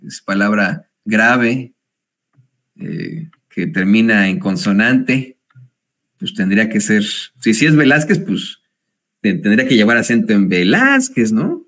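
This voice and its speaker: A man's voice: medium pitch, a bit bright. A man with a Mexican accent hosting a commentary show, reading news aloud with sarcastic, chatty asides and frequent hesitations. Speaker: host.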